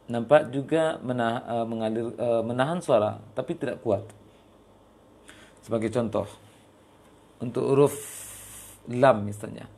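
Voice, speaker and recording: Slow-paced Indonesian man teaching Quran recitation. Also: medium pitch, steady tone, creaky, a little mellow. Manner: demonstrates letters slowly, then explains quickly with fillers. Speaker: tajweed teacher. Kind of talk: live-streamed Quran recitation lesson.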